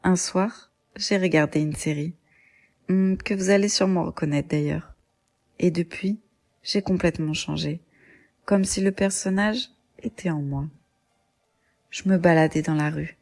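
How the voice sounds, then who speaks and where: A woman voicing an obsessive young woman who calmly vows to keep a man for herself. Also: lowish voice, unhurried, long pauses.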